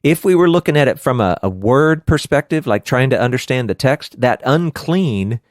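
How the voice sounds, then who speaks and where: Animated, laughing male Bible podcast host. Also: medium pitch, moderate pace, dry recording, clean studio sound. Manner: animated, laughs often, hammy outbursts. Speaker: podcast co-host teaching scripture. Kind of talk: casual Bible study discussion.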